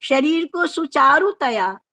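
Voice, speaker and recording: A woman giving a formal, measured lecture on scripture, explaining step by step and sometimes restarting words. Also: high voice, animated, pushed and bright.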